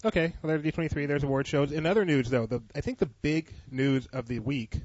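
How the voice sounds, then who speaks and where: A man's voice: on the high side, fairly quick, darkish tone, no room sound. A man co-hosting a casual podcast, dry and full of questions. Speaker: podcast co-host. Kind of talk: casual chat. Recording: dry dull lo-fi podcast audio.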